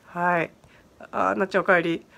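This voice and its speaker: A woman's voice: lowish voice, flat delivery, normal speed, vocal fry, a bit bright. A woman hosting a casual livestream, reading viewer comments aloud and answering their questions in a friendly, chatty way. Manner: friendly and chatty, many fillers, answers questions on English pronunciation. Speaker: host of an online virtual bar stream.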